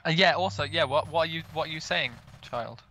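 Bright-voiced joking young man. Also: fairly high pitch, brisk. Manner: joking, giggly, sarcastic. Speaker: gaming commentator. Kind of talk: casual gameplay chat. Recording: faint background noise.

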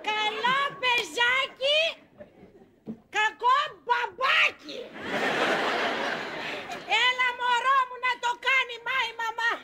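A woman's voice: extremely high pitch, fairly even intonation, long pauses, over a noisy crowd, very noisy. An actress playing a young wife teasing her husband in a stage comedy, coy and playful. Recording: live stage recording with audience.

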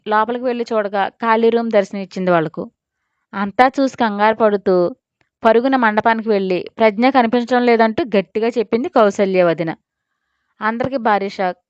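A woman's voice: fairly high pitch, brisk, smooth, no echo, lo-fi sound. A woman narrating a scripted audio story and voicing all the characters herself.

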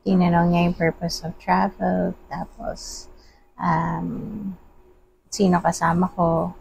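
A woman's voice: fairly low pitch, level tone, takes it slowly, vocal fry, darkish tone, slight background noise, low-quality recording. A woman with a Filipino accent in casual chat, teasing and asking questions. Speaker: travel companion. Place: airport departure area.

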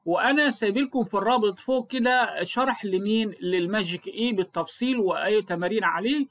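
A man's voice: high voice, fast, fairly bright tone. Egyptian male teacher explaining phonics. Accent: Egyptian Arabic. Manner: asks rhetorical questions and answers them himself. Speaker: English teacher.

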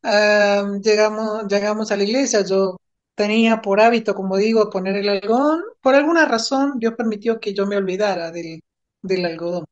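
Woman telling an animated testimony. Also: mid-range voice, moderate pace, highs cut off. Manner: animated storytelling with emphatic repetition. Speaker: guest giving a testimony. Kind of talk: emotional personal testimony.

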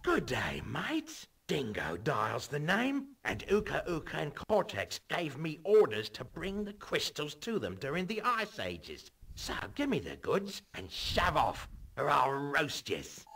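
Gravelly Australian outback bushman villain. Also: fairly high pitch, wildly swooping pitch, takes it slowly, hardly any pauses, fairly bright tone, recorded from a distance, exaggerated voice. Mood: cocky menace. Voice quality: gravelly, raspy. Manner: brash, menacing outback bushman drawl. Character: cocky, threatening crocodile-like outback bushman villain. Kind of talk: video game character acting.

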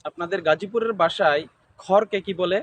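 A man's voice: high-pitched, normal speed, a bit bright, slight background noise. A man interviewing, asking the same kind of question over and over. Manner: repetitive, formulaic questioning.

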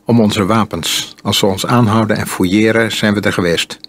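A man voicing a stern middle-aged male resistance fighter, speaking in terse, gruff commands in an audiobook. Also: lowish voice, fairly even intonation, moderate pace, a bit bright.

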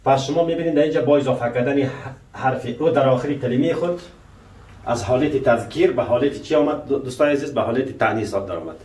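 A man teaching French grammar in Persian, often asking his viewers rhetorical questions and saying the French example sentences slowly. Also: medium pitch, darkish tone. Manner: keeps asking the viewers rhetorical questions, calling them dear friends; slow, careful pronunciation of French example sentences. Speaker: language teacher. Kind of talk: French lesson taught in Persian. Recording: roomy, voice a bit far from the mic.

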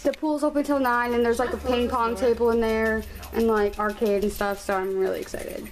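A young woman vlogs on a handheld camera held at arm's length, rambling chattily with lots of fillers as she moves from her bedroom to a car and then a hotel room. Her voice is a little high, flat, and a little fast, and the noisy camera audio picks up crowd noise.

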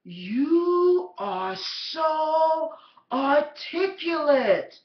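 A woman's voice: sits high, lively intonation, extremely slow, voice pushed up, exaggerated voice. Woman imitating a sugary, overly polite lady. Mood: gushing. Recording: roomy, slightly dull.

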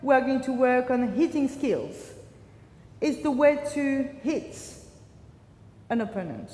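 A woman's voice: high-pitched, lively intonation, slow pace, warm tone. A woman speaking as a fencing master, teaching a drill with short commands, corrections and brief praise. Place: large reverberant indoor room. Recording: echoey hall with long reverb.

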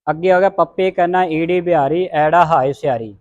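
Over dull audio, a man with a Punjabi accent teaches scripture pronunciation in a recitation class. He speaks at a moderate pace in a slightly high voice with a darkish tone. As a Gurbani teacher, he sounds out letters and has the class echo them.

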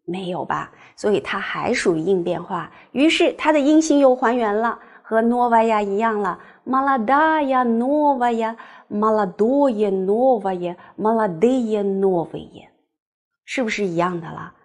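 A woman's voice: mid-range voice, lively intonation, normal speed, few pauses, darkish tone. A woman teacher explaining grammar patiently in an online lesson, leading the class through drills when speaking other languages. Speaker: Russian teacher.

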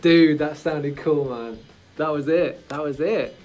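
A man casually directing a voice actor, enthusiastic and quick to laugh, acting out lines as he explains them. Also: fairly high pitch, a little mellow, soft background music. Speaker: show creator directing a voice session.

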